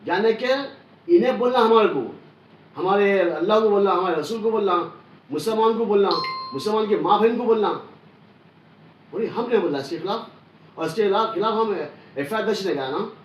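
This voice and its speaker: A man's voice: high-pitched, fairly quick, pauses often, slight background noise. Fiery man ranting in an echoey room. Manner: forceful, combative, repetitive. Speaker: online news commentator. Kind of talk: angry political rant. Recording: echoey room, distant from mic.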